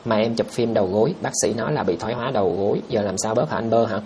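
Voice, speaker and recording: A man hosts a casual livestream, reading viewer comments aloud and answering them bluntly, with a scoffing edge. He talks at a brisk, rapid clip. A faint hum of background noise sits under his voice. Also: lowish voice, darkish tone.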